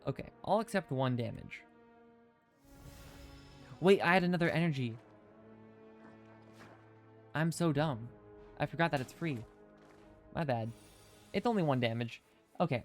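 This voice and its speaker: A man of ordinary pitch streaming a card game, his talk loose and rambling as he reasons through each choice. His words come out a touch thick from the retainers he has in. Faint music plays underneath. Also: animated, moderate pace, pauses often. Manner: thinking aloud, chatty, reads chat comments. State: wearing dental retainers, slightly hindered speech. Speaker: streamer playing a video game. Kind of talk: casual live-stream commentary.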